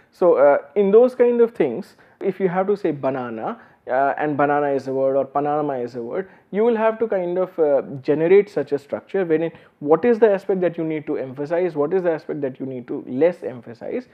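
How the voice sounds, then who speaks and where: A man giving a university lecture, explaining step by step with many "uh"s and restarts. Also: on the high side. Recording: slightly dull lo-fi recording.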